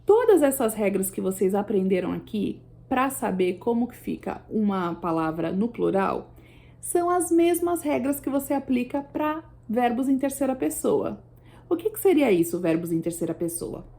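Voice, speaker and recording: A woman's voice: on the high side, lively intonation, moderate pace, warm tone. A woman teacher explaining plural rules over slides, patiently checking in with her students. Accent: Brazilian Portuguese. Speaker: English teacher. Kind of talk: slide-based language lesson.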